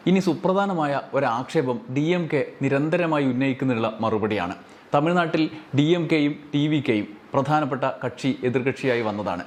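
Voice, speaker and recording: A man narrating a news report in a measured, explanatory way. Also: mid-range voice, a little mellow.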